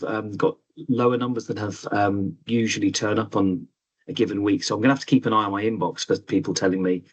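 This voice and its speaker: A man's voice: lowish voice, husky, poor audio. A man hosting an online webinar in a chatty, hesitant way, full of ums, speaking over a video call. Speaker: webinar host. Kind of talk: casual online presentation.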